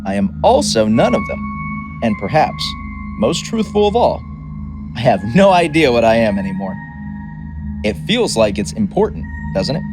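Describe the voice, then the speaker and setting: Guy doing a mercurial chaos god toymaker, showy and wry, bouncy pitch, music under it. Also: very animated, moderate pace, pauses often, lightly acted. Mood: wry, confiding. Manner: theatrical, boastful, then chatty and wry. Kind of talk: dramatic reading.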